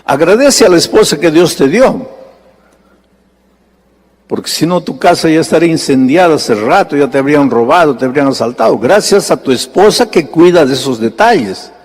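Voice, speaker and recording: Speaking at a normal pace, a man delivering a sermon narrates a story and plays out the dialogue, his voice springing high in animated spurts. The sound carries a long hall reverb.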